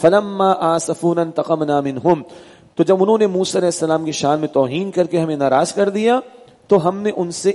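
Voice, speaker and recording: A man giving a Quran commentary lesson, reciting verses slowly and then translating and explaining them. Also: fairly high pitch, warm tone, long reverb tail. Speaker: Quran teacher.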